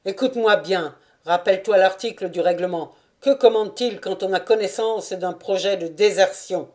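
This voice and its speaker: A woman's voice: mid-range voice, moderate pace, a little mellow, lightly acted. A woman voicing a stiff, proud male army officer in an audiobook, speaking firmly. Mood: commanding. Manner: firm, stern. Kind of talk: audiobook character reading.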